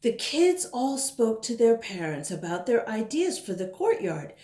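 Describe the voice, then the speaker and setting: A woman reading a picture book aloud to children in an expressive way, with conversational asides. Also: fairly high pitch, measured pace. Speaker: storybook reader, host. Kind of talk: animated read-aloud for children. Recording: roomy indoor echo.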